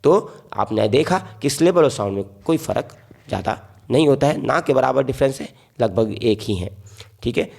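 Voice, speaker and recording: Gravelly-voiced man explaining a poem. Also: medium pitch, expressive, moderate pace, darkish tone. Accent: Indian English. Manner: repetitive, explains each word in simple terms. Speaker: teacher.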